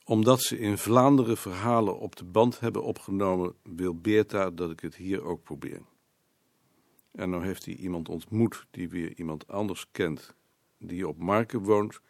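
A short-tempered husband who answers gruffly in a low voice. The sound is dry and close. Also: male voice, fairly even intonation, moderate pace, no echo. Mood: irritable. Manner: gruff, irritable. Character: grumpy middle-aged husband, short-tempered. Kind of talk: film drama dialogue.

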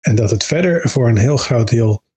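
A man's voice: medium pitch, lively intonation, normal speed, a little mellow, slightly rough. A man speaking as an interviewed voice coach, explaining his views in an unscripted way.

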